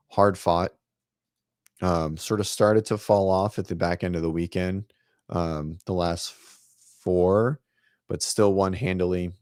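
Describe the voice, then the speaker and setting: Over a remote call setup, a man hosting a fitness show gives loose, profane commentary on competition results, packed with filler words. His voice is deep and darkish, and the studio-quality recording has no room sound.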